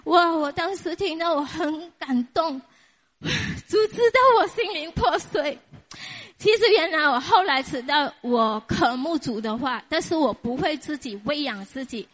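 A woman with a high voice tells her personal faith testimony. She speaks in halting bursts, with fillers and small nervous laughs, and repeats words for emphasis. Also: fairly bright tone. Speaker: church member giving a testimony.

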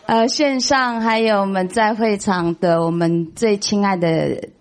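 A nervous woman beginning her talk at a church meeting, self-deprecating and laughing. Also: medium pitch. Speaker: testimony speaker.

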